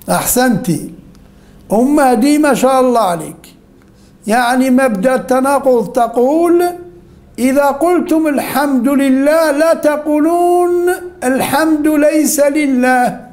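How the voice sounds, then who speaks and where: A male teacher with an extremely high, darkish voice runs an interactive class. He fires questions at students, praises or corrects their answers, and slowly goes back over the key points.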